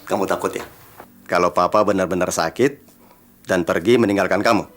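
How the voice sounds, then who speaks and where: An actor playing a gentle, middle-aged father who is secretly ill, with a soft, teasing way of talking. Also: low-pitched, brisk, faint music behind. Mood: tender.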